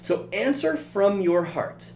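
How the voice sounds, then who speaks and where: A man's voice: high-pitched, animated, slow pace, darkish tone. A man giving a motivational training talk as a coach, earnest and speaking straight to the listener. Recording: roomy with faint hum.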